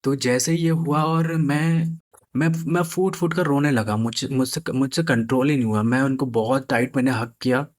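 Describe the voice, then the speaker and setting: Earnest young man, halting retelling. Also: medium pitch, steady tone. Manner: halting, repeats and restarts phrases, earnest. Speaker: storyteller sharing a personal experience. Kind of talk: emotional personal storytelling.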